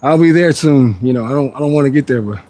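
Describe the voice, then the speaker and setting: A man's voice: medium pitch, fast, mellow. A man in his forties chatting casually on a fitness livestream, answering viewer questions between sets in a laid-back, rambling way. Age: 40s.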